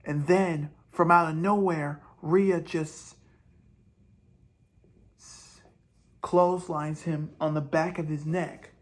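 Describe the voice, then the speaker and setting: A man with a somewhat high voice lays out wrestling storylines at an unhurried pace. He rambles and restarts his sentences as he speculates. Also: steady tone. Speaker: host. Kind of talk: wrestling fantasy-booking commentary.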